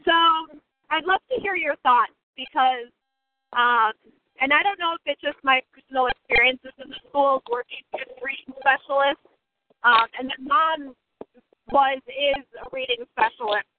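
High-voiced woman on a car speakerphone. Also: normal speed. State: connection breaking up. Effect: calling in on a phone while driving a car. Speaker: occupational therapist. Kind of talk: casual discussion call. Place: in a moving car. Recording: tinny phone line with faint car noise.

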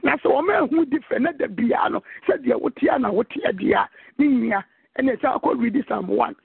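A Ghanaian preacher exhorts his listeners, quoting scripture in a very high, gravelly voice. His husky tone comes through a dry, phone-like line. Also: lively intonation, fairly quick, no echo. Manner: exhorting, mixes scripture quotes with local-language preaching. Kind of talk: sermon mixing Twi and English.

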